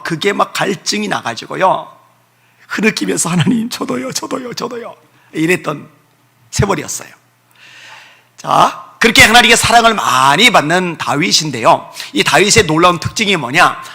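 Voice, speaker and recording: Male revival pastor, sharp forceful tone, slightly raspy, emphatic storyteller in church. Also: on the high side. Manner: tells personal stories with emphatic repetition. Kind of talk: revival meeting sermon. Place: church sanctuary.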